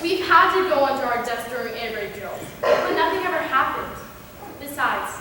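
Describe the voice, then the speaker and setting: A young woman playing an earnest female high school student, giving an emphatic, persuasive stage speech. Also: noisy background. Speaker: student actor. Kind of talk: stage play speech to a class. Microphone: distant room mic. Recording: echoey hall from far off.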